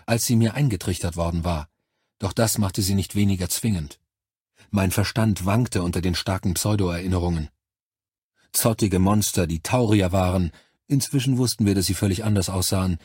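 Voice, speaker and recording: A man reading a science fiction story aloud as a first-person audiobook narration in an even, measured way. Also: fairly low pitch, breathy edge, no echo, studio quality.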